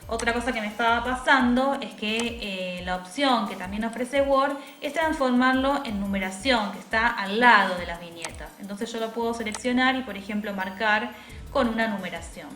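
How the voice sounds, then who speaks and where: A woman teacher, patiently explaining a software tutorial step by step and checking in with tag questions. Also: a little high, moderate pace. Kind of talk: screen-recorded software tutorial. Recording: echoey room with faint music.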